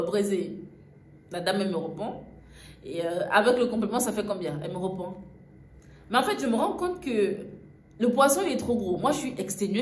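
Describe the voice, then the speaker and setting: A young woman from Gabon, casually telling a travel story, full of fillers and asides. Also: medium pitch. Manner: chatty, frequent fillers and "en fait". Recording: echoey room, faint ambient noise.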